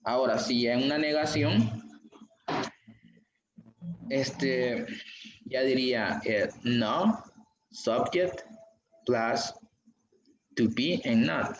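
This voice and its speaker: A man teaching an online English class, patient and slow, going over each example again. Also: medium pitch, background noise. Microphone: video call. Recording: dull, echoey room audio.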